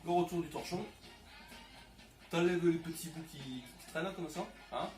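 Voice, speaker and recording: A man's voice: a little high, normal speed, a little mellow. A man with a southern French accent running a casual cooking tutorial, cracking crude jokes and tagging his sentences with "hein" as he talks straight to the viewer. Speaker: home cook presenting a recipe. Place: home kitchen. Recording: echoey kitchen with music behind.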